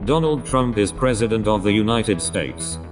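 A man voicing a deadpan robot newsreader with a flat monotone delivery over music. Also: fairly low pitch, moderate pace, natural voice.

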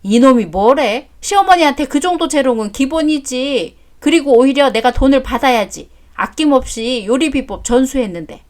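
A woman's voice: high-pitched, animated, moderate pace, hardly any pauses, darkish tone. A woman voicing a brash, greedy older mother-in-law who talks bluntly and coarsely in a story drama. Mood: scolding. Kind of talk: story drama read aloud.

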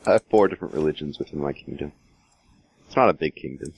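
A man's voice: rumbling low, lively intonation, quick pace, gravelly, slightly rough, no room sound, lo-fi sound. A man playing a multiplayer strategy game, trading jokes and teasing banter over voice chat. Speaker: co-op player. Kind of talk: casual gameplay chat.

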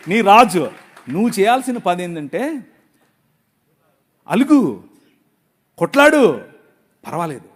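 Brief: middle-aged male preacher, high voice that leaps around, impassioned sermon. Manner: impassioned, swinging between loud outbursts and hushed asides. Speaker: pastor.

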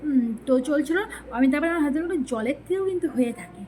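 A woman's voice: sits high, fast, dark tone, a little hiss or hum. A woman talking casually to her viewers, rambling and chatty with many fillers and restarts. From West Bengal, India. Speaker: lifestyle vlogger.

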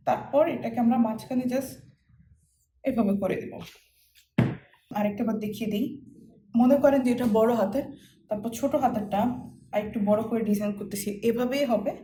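A woman's voice: on the high side, dark tone. A woman teaching a language class in a casual way, patiently repeating sounds while she writes letters out. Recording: echoey room with faint noise.

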